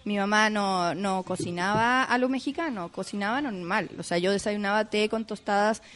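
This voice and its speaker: Chilean woman guest, mid-pitched, chatty and easygoing, lots of fillers. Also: moderate pace, fairly bright tone. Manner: chatty, filler-heavy, laughs easily. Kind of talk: casual interview chat.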